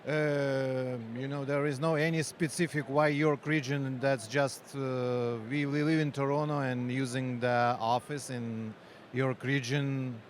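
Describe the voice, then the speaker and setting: In a conference interview, a Ukrainian-accented man who founded a company and does research speaks in hesitant non-native English, full of pauses and fillers. His voice is mid-range and level, with faint traffic and street sounds audible.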